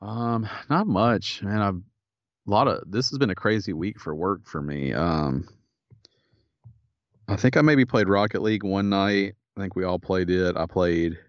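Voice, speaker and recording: Deep-voiced and a little slow, a man co-hosts a podcast in a laid-back, somewhat tired casual chat. The recording is dry and the audio dull.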